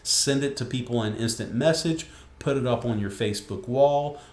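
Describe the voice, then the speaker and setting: In an echoey room, a man presents a casual screen-recorded software tutorial, walking viewers through a web page. His medium-pitched, slightly mellow voice moves at a moderate pace, and he is chatty and folksy, tossing in jokes and asides.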